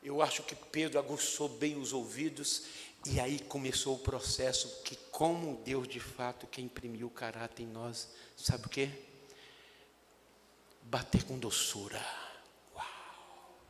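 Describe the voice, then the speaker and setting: A male pastor, preaching a sermon in an animated storytelling way that swings between loud and hushed. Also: medium pitch, moderate pace, a little hiss or hum. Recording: echoey church hall.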